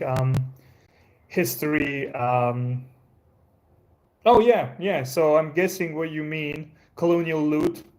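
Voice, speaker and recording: The voice is fairly high-pitched but darkish, belonging to a native Croatian speaker whose English sounds American. Streaming live from inside a home, he talks with his viewers in a relaxed, meandering way, full of fillers and restarts.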